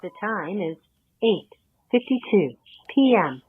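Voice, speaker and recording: A woman's recorded voice giving automated prompts over a prison phone line, in a flat prompt-like delivery. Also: mid-range voice, takes it slowly, breathy edge, no echo. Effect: recorded announcement over a prison phone line. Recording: tinny phone line, dry.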